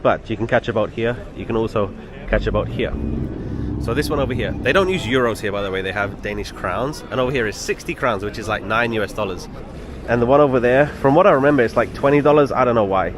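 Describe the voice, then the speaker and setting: Listeners often hear this travel vlogger's British accent as American. He talks quickly in a medium-pitched voice, narrating casually to camera while walking outdoors along a city street, with a noisy background.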